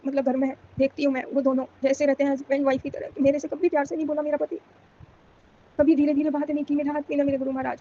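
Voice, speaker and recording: Pleading woman from Rajasthan, fast and mellow. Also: high-pitched, highs cut off, a little hiss or hum. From Rajasthan, India. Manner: pleading, emotional, repetitive devotional chanting. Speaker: devotee giving testimony. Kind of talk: devotional testimony and prayer.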